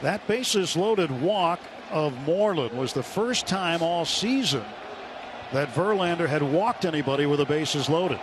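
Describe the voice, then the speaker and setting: Unhurried yet animated, this fairly high-pitched American announcer calls a baseball game live on radio from the ballpark booth. The recording is a noisy, live stadium broadcast.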